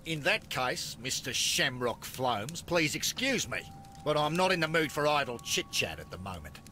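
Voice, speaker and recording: A pompous, bright-voiced businessman. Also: fairly high pitch, very animated, moderate pace, a little hiss or hum. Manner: pompous, self-important. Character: pompous self-important male businessman and inventor.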